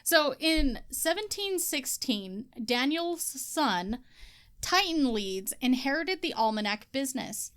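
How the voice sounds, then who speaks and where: A woman with a high-pitched voice co-hosts a casual chat podcast. She reads from her research notes in a relaxed, joking way, breaking into laughter and casual swearing. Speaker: podcast co-host.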